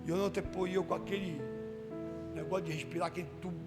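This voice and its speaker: A man from Rio de Janeiro, a church deacon telling his testimony in an animated way and acting out his own quotes. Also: sits high, fast. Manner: animated storyteller who acts out his own quotes, rising to shouts at the peaks. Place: church hall. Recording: reverberant church hall with music behind.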